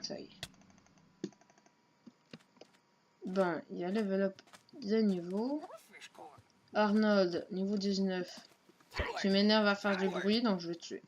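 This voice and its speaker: Casual gamer woman, slow offhand running commentary, dull lo-fi home mic. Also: mid-range voice, background noise. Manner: muttering to herself, unhurried and offhand. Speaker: let's play gamer.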